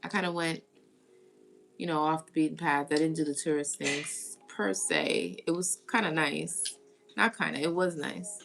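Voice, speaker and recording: A woman's voice: deep voice, steady tone, normal speed, gravelly, a bit bright, soft background music. A woman from the United States hosting a tarot live stream, chatting casually and greeting viewers as she reads their comments. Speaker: tarot reader.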